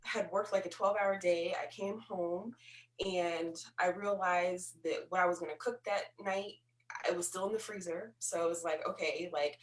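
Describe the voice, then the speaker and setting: A woman speaking as a guest in a casual panel chat, telling stories with lively acted-out quotes. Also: lowish voice, normal speed, far from the mic. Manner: animated storyteller, acts out quoted voices. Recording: roomy, from off the mic.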